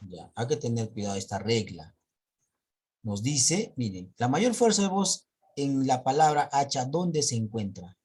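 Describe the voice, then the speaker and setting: A man's voice: mid-range voice, sing-song, measured pace, a little mellow, slightly rough. A man teaching a grammar lesson in an online class, explaining step by step and checking in with his students.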